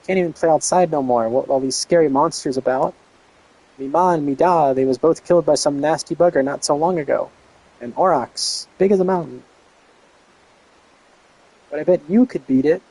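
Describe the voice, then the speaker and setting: A man voicing a cheeky, rough-spoken young village boy. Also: fairly high pitch, moderate pace, long pauses, warm tone, rough recording. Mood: chatty. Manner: rough, common-speaking.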